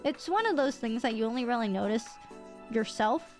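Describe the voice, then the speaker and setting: A young woman chats through a live stream in a rambling, self-teasing way. Her voice sits a little high and somewhat nasal, with a slight lisp and a hint of a cold. Soft music plays faintly behind her. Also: expressive, moderate pace. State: a little sick. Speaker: VTuber streamer. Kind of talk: casual live-stream chat.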